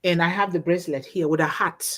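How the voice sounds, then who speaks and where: A woman hosting a discussion talks quickly in a lowish, steady voice. Born and raised in Africa, she delivers impassioned, informal stories and calls to action, repeating phrases to underline her points.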